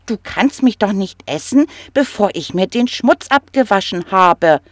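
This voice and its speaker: A storyteller voicing a tiny, cheeky young male goblin who talks in a bright, chirpy way. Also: medium pitch, animated, measured pace, no room sound, clean studio sound, natural voice.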